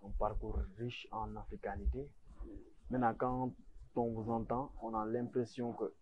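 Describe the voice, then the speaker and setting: A man interviewing a guest and asking questions in a soft-spoken, quiet way. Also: fairly low pitch, level tone, normal speed, narrow, tinny audio, slight background noise.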